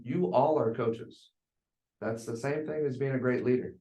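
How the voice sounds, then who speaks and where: A real estate sales coach gives a talk to a group, blunt and emphatic, repeating phrases to drive points home. His voice is mid-range and dark-toned at a moderate pace, and the room is echoey.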